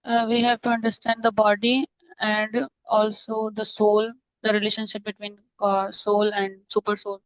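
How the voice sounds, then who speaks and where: A woman's voice: mid-range voice, monotone, normal speed, no echo, low-quality recording. A woman student answering in an online class, tentative, with fillers.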